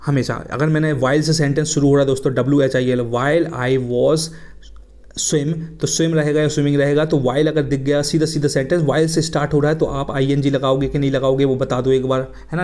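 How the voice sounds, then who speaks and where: A man's voice: medium pitch, darkish tone. A man teaching English in a casual video lesson, talking in a chatty way to his viewers as friends and mixing in English phrases with an Indian English accent.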